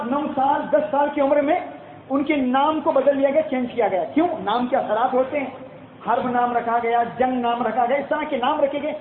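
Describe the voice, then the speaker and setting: A man preaching a sermon to his audience. He repeats phrases as he speaks and keeps addressing them as his dear ones and friends. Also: very high voice. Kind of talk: Islamic sermon in Urdu. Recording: tinny phone-like sound, echoey hall, faint noise.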